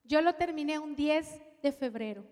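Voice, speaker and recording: A woman preaching a personal testimony, telling her story with strong emotion and dropping to a hush at tender moments. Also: sits high, moderate pace, long reverb tail. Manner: emotional storytelling, shifts from loud to hushed. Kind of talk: testimony sermon.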